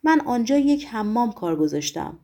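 A man's voice: sits high, sing-song, gravelly, a little mellow, full character voice. Woman voicing a terrified cowardly informer. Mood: frightened. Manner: frightened, stammering.

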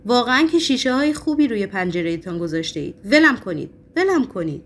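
A woman reading a story aloud, voicing an agitated young male poet who shouts and defies those around him. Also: high voice, big pitch swings, a little hiss or hum, voice pushed up. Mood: defiant. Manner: shouting, frantic, defiant.

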